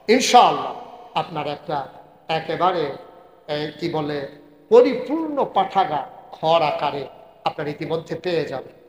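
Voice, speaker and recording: A man preaching a waz sermon to a gathering, swinging from loud, crying appeals down to low storytelling. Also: roomy sound, in a large hall.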